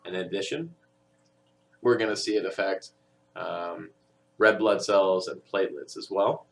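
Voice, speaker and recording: A man's voice: sits low, a little slow, vocal fry. A man giving a recorded audio lecture in a conversational way, with many fillers and tag questions.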